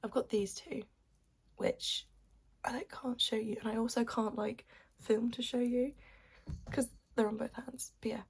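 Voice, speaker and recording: A young woman chats to her camera at home, her voice very raspy and rough with sleep. She rambles along in a hushed, half-whispered way, audible fry running through her words as she talks casually about her plans. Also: a little high, fairly even intonation, unhurried, long pauses. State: morning voice, just woken up. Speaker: vlogger. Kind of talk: casual morning vlog chat. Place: at home with her cat on her lap.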